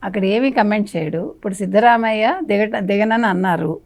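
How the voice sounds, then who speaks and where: Indignant woman with a gravelly voice. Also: medium pitch, a little fast. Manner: indignant, scolding, rhetorical questions; mixes English phrases into her speech. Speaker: political commentator guest. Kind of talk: heated political talk-show debate.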